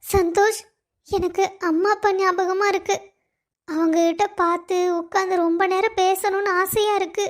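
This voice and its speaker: A woman's voice: very high voice, steady tone, moderate pace. A woman voicing a loving young wife who pleads and complains of being alone. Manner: pleading, plaintive.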